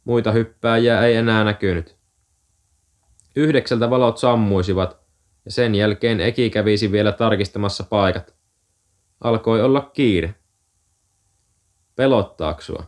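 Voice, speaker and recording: Man, low-pitched voice, calm, measured, audiobook narration. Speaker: audiobook reader. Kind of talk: scripted narration.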